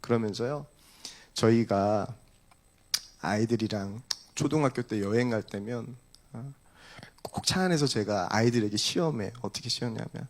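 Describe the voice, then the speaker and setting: A man in his forties, a pastor preaching a sermon with animated storytelling, acting out family dialogue. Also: medium pitch, normal speed.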